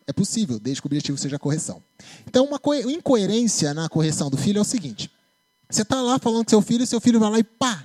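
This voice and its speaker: A man with a Brazilian Portuguese accent preaching a sermon in a church, talking in a conversational way and often asking "né?". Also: fairly high pitch. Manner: conversational, animated preaching with tag questions. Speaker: preacher and psychologist.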